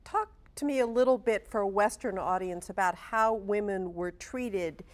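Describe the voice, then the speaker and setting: Woman interviewer, mid-pitch voice, asks short questions to get her guest talking. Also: normal speed. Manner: brief, prompting questions.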